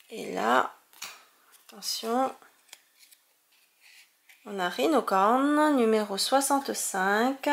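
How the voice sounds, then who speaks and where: A woman's voice: fairly high pitch, gravelly, a bit bright, slight background noise. A woman chatting casually as she opens trading cards, exclaiming over each one and stumbling over hard names. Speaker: card-opening video host. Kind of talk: casual card-unboxing commentary.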